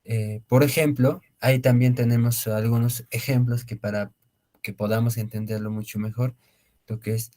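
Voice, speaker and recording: Slow-explaining male language teacher. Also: fairly low pitch, darkish tone. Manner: explains slowly, repeats words, many fillers and tag questions. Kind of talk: online class lecture.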